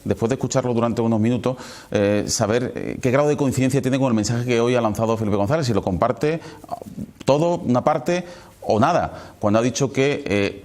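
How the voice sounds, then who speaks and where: A man's voice: mid-range voice, darkish tone. A man hosting a political interview, putting long, formally worded questions to his guest. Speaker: interviewer, programme host.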